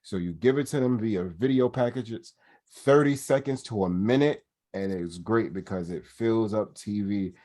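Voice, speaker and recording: Young male co-host, low voice, animated casual wrestling chat. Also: normal speed. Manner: animated, mocking asides in a high put-on voice. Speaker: podcast co-host.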